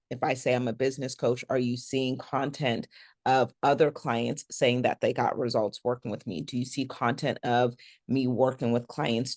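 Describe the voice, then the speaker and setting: A woman with a rumbling low voice speaks in a dry, close recording with no echo. She's an upbeat personal branding coach appearing as a guest in a podcast interview, animated and enthusiastic and quick to explain things. Her voice is slightly raspy after a three-day event.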